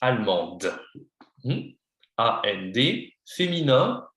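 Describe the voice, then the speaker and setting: A man's voice: mid-range voice, big pitch swings, very slow, fairly bright tone, echoey room. A man teaching a beginner French lesson, patient, spelling words out letter by letter and slipping into English to explain. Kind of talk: one-on-one beginner lesson, slow and repetitive.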